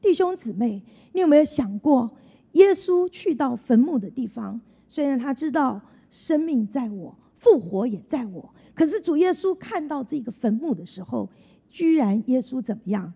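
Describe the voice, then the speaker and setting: A woman's voice: sits high, very animated, moderate pace, creaky, mellow, slightly rough. A woman preaching a sermon in an earnest tone, repeating her key phrases. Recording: long hall reverb.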